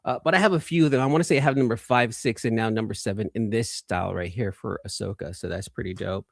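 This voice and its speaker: Showing off comics on a live collecting stream, a man chats with enthusiasm in casual slang and keeps repeating phrases for emphasis. He talks fast in a fairly low, gravelly voice. The studio sound is dry and clean.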